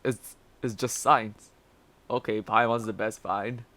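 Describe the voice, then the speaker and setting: A man's voice: on the low side, fairly even intonation, slow pace, sharp tone. A young man, rambling and laughing through casual gaming commentary as a streamer, with lots of stammered restarts.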